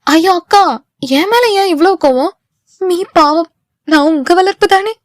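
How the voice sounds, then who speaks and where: A woman's voice: very high voice, a little slow, no room sound, studio quality, pitched above the performer's own voice. A woman voicing a young woman with a childlike, pleading way of talking. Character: young woman, playful then anxious.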